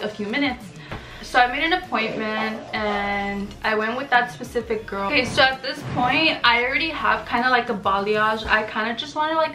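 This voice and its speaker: In her bedroom, a Texan beauty vlogger in her twenties talks frankly to a tripod-mounted camera, her slightly high voice pushed and bright. The casual chat is full of fillers with some swearing, and the recording quality is low.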